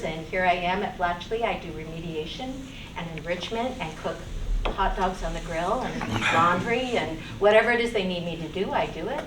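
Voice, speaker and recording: Middle aged lady from ohio, chatty and upbeat, lowish voice, far mic w noise. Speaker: AmeriCorps volunteer. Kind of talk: casual self-introduction. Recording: echoey room, distant mic, background noise.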